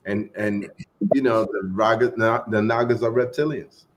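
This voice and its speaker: A man telling stories in a casual group chat, animated and acting out the people in them. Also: on the low side, normal speed. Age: 20s. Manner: animated storyteller, acts out voices and quotes.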